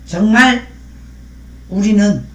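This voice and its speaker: A woman's voice: mid-range voice, slow, roomy sound. A woman hosting a live stream, speaking in a fiery, preachy way and thanking viewers by name as she reads their comments. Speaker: livestream host.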